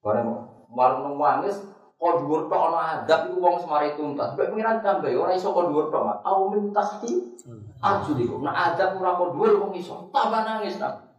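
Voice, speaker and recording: A man's voice: fairly high pitch, brisk, lo-fi sound. An older man preaching a sermon in a storytelling way, reciting scripture verses and mixing in chatty asides, recorded in a reverberant room some distance from the mic. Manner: animated storytelling, mixing Javanese and Indonesian, reciting Quranic verses. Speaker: Islamic preacher. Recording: roomy echo, distant mic.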